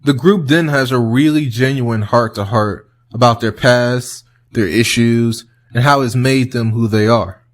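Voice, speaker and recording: Young male host, casual commentary, frequent chuckles, mid pitch. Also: unhurried, few pauses. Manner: chuckles while talking. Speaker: video host.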